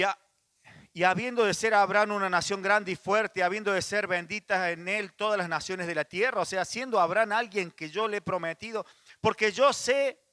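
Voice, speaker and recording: Man, Rioplatense Spanish accent, pastor, sermon, high tense voice, dry close sound. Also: pushed and bright, dry recording. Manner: conversational preaching, frequent restarts and asides.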